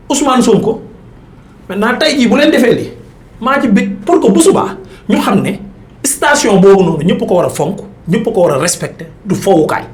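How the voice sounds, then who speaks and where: In a reverberant recording, this talk-show political commentator's voice sits high. The Senegalese man debates in an emphatic, insistent style, switching between Wolof and French as he argues politics.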